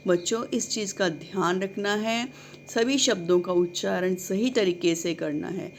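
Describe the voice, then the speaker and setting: A woman teaching young children, stretching out each word syllable by syllable and pausing to ask and answer her own questions. Her pace is unhurried and deliberate, her pitch in a middle range. A faint hiss sits under the recording. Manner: drawn-out syllable-by-syllable word reading. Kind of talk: children's Hindi lesson.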